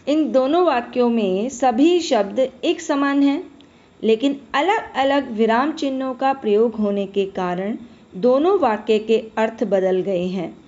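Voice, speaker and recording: A woman with a slightly high, darkish voice patiently explains a primary school Hindi lesson to the children. She poses questions to the class and answers them herself. The highs are cut off in the recording.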